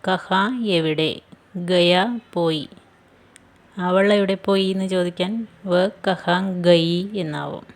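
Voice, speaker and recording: A woman teaching phrases in a scripted lesson, repeating each phrase slowly and carefully. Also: lowish voice. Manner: slow, careful phrase-by-phrase drilling with repetition. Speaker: language teacher.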